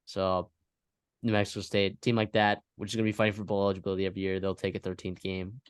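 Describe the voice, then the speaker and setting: A man's voice: low-pitched, level tone, fast, clean tone, no echo, studio quality. A man co-hosting a college football podcast, talking casually and rambling through scores with fillers and restarts. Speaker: podcast co-host. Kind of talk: casual sports chat.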